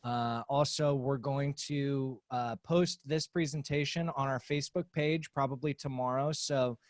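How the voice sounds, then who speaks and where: A man's voice: mid-range voice, steady tone, a little slow, dry recording. A man moderating an online webinar, upbeat and thankful as he passes questions and wraps up. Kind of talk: hosting a webinar Q&A.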